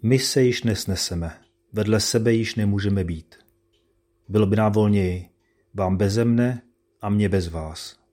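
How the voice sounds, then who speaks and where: A man's voice: lowish voice, darkish tone, natural voice. A man voicing an insolent, defiant young nobleman son in a read-aloud tale, speaking in a cool, curt, mocking way.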